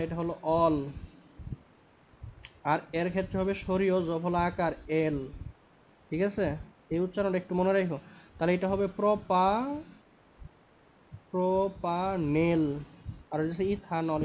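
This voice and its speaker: A man's voice: sits high, fairly even intonation, moderate pace, pauses often, darkish tone, slight background noise. A young man teaching chemistry, repeating points and checking in with tag questions. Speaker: chemistry tutor. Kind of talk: lecture at a whiteboard. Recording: dull lo-fi recording.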